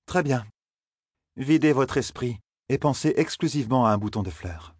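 A man's voice: medium pitch, animated, moderate pace, a little mellow, breathy edge, no echo, clean studio sound. A man voicing a stern, powerful older woman who leads an order of sorceresses, with a cool, condescending and mocking manner.

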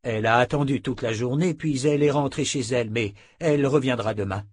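A man's voice: mid-range voice, a little fast, no echo, clean studio sound, close to an everyday voice. Man doing a deferential officer reporting.

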